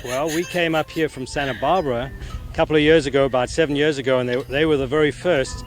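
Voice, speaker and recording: Easygoing chuckling rancher from South Africa. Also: male voice, on the high side, steady tone, fast talker. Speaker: ostrich rancher. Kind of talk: casual interview answers. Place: outdoors at an ostrich ranch. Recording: archive TV clip with loud music.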